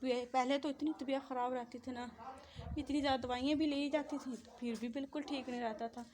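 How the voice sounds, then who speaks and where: A woman's voice: fairly even intonation, fairly quick, darkish tone. A mother of three in her thirties, chatting casually at home about her children. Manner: chatty storytelling, switches to high cooing baby talk. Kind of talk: casual home vlog chat.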